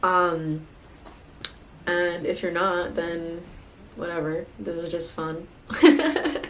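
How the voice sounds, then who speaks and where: A young woman with a lowish voice talks through a casual vlog tag, rambling and circling back on herself with plenty of fillers. A faint hiss of room noise sits under her voice. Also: little pitch movement, slow, fairly bright tone, rough recording. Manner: rambling, filler-heavy, self-correcting. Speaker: booktube vlogger. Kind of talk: casual tag video chat.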